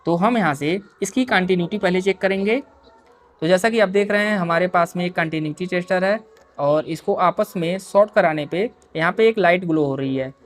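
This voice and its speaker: A man's voice: high voice, fairly quick, faint music behind. A man hosting a repair tutorial, explaining each step patiently as he works and often calling his viewers dear friends. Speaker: repair video host.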